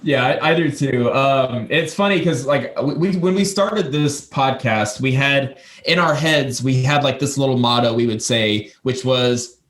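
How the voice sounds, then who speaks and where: A man's voice: mid-range voice, unhurried, few pauses, a bit bright, roomy sound. A man co-hosting a casual podcast, eager and full of restarts. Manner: enthusiastic, stumbling restarts. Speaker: podcast co-host.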